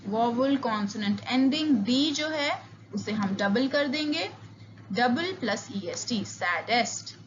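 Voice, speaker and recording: Woman, grammar teacher, very slow, higher voice, dull lo-fi sound. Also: slight background noise. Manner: mixes Hindi and English, slow and deliberate, spells out letters. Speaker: English teacher. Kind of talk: grammar lecture.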